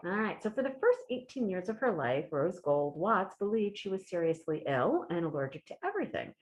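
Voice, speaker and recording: Library lady reading book blurbs, lowish voice, lively, laughs a lot. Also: fairly quick, low-quality recording. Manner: reads blurbs aloud with lively emphasis, laughs often. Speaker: library staff book reviewer. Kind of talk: casual book recommendation chat.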